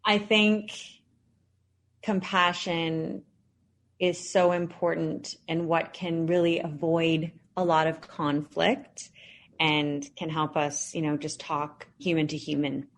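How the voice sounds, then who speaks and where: Speaking slowly in a low-pitched, flat voice, this thirtysomething founder responds to a podcast interviewer. She comes across as earnest and thoughtful, and she leans on fillers often.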